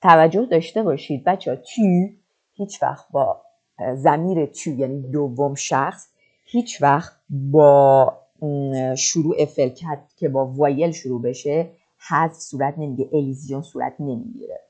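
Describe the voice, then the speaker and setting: A woman teaching a French lesson online, drilling verb forms slowly and explaining quickly between them. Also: deep voice, warm tone. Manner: slow deliberate French drills, quick asides.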